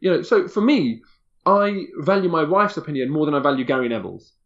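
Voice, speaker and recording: A man's voice: on the high side, animated, brisk, fairly bright tone, lo-fi sound. A man, a guest in a casual podcast conversation, talking candidly and emphatically, often repeating himself.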